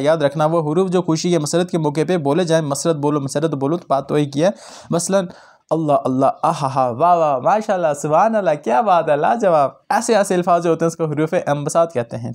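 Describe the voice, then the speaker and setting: Explaining grammar terms to his students, this teacher blends Hindi-Urdu with English words and performs brief sample exclamations. He speaks with a fairly high, slightly mellow voice.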